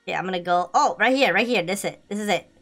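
A woman streaming a horror game, playfully scared and excitable, slangy, repeating her phrases as she comments on the play. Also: mid-range voice, rapid-fire, soft background music. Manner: scared horror game streamer, shrieking and pleading in mock fright.

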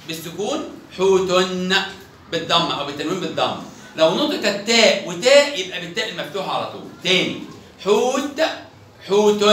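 A man's voice: on the high side, pushed and bright, a little hiss or hum. A man with an Egyptian Arabic accent teaching a children's grammar lesson, stretching out example words and quizzing pupils by name. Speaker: primary school teacher. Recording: echoey room, mic far off.

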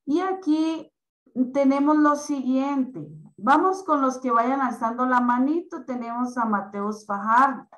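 Slow, patient woman teacher in echoey room. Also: sits high, a bit bright. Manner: slow, patient, drawn-out explanations to children. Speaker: primary school teacher. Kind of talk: online class for children.

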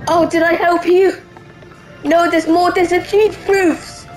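Excitable woman trash-talking over game music. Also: very high-pitched, takes it slowly, low-quality recording. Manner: excitable, playful trash-talk at game enemies. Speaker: gaming YouTuber. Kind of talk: let's play commentary. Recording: game music playing behind.

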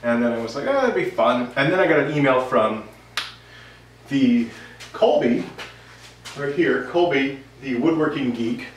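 Speaking to camera in his home workshop, this thirty-something woodworking vlogger rambles through a conversational update. He's animated but measured, with a mid-range voice and long pauses, picked up in a noisy, distant, roomy recording.

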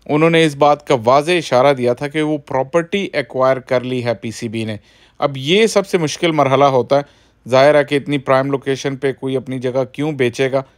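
Man narrating a casual vlog. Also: medium pitch. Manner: conversational, explanatory, frequent filler phrases. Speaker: cricket vlogger.

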